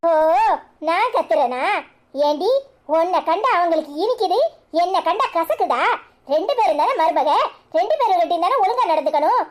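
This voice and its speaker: A woman's voice: very high voice, expressive, moderate pace. Anita, a combative cartoon wife, voiced by a woman. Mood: resentful. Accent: Kanyakumari Tamil. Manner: scolding, combative. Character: sharp-tongued young wife fighting her co-daughter-in-law. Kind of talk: cartoon serial voice acting.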